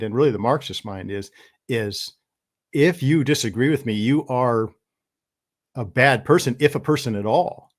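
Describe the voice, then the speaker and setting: Man giving earnest opinions in conversation. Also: mid-range voice. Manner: earnest opinionated talk with fillers. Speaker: podcast guest. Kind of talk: casual conversation.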